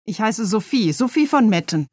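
A woman's voice: mid-range voice, expressive, normal speed, a little mellow, no echo, clean studio sound, natural voice. A woman reading as a wary city woman. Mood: earnest. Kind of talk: read-aloud novel dialogue.

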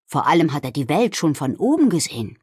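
A woman's voice: sits low, sing-song, brisk, darkish tone, breathy edge, no room sound, clean studio sound, heavily acted. A woman voicing an adventurous, stubborn female wild boar who speaks with plain determination. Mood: determined. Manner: determined, matter-of-fact.

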